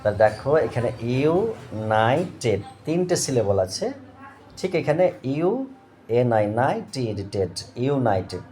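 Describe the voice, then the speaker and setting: Teaching his students English grammar, a male tutor speaks in a warm, sing-song voice of medium pitch, with a little hiss or hum in the audio. He moves slowly, repeats himself, spells words letter by letter, and frequently checks in with "okay?"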